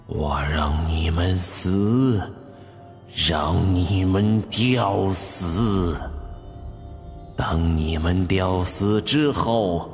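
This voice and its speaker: A man voicing a vengeful male hanged ghost in an audiobook, speaking slowly and quietly with a low, partly whispered delivery. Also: in a large hall, faint music behind, full character voice. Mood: bitter menace.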